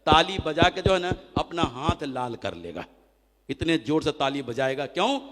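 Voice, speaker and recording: A man's voice: on the high side, normal speed. A man giving a motivational seminar talk as a trainer, firing off rhetorical questions and answering them himself. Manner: animated, acts out quoted people. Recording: long hall reverb.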